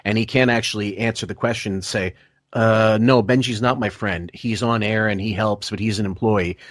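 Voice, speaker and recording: Man, podcast host, lowish voice, dry close sound, blunt and profane, restarts a lot. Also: fairly even intonation, moderate pace, no echo. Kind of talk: casual podcast discussion.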